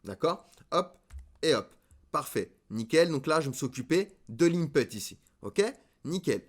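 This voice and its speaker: A man teaching coding step by step in a screen-recorded tutorial, talking in a relaxed way and often checking in with the viewer. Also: a little high, unhurried. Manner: relaxed, step-by-step with frequent "hop, nickel" and "d'accord?".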